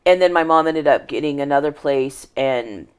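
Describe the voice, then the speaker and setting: A woman's voice: low voice, normal speed, clear, resonant tone. Earnest woman recounting her life story. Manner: earnest, reflective, trailing off and restarting. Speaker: podcast guest. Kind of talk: personal life story in conversation.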